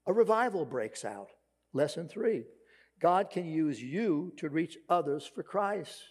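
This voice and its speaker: A man's voice: fairly high pitch, lively intonation, measured pace, darkish tone, slightly rough. A man with a Brooklyn accent preaching a sermon as a pastor, emphatic yet conversational, posing rhetorical questions. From Brooklyn, New York.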